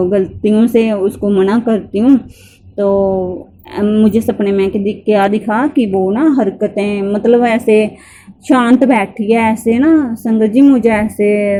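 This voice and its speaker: A woman with a mellow, warm tone gives devotional testimony to a gathered congregation. She tells her story earnestly and addresses her listeners directly. Her speech is halting and repetitive, with many restarts. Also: mid-range voice, slight background noise.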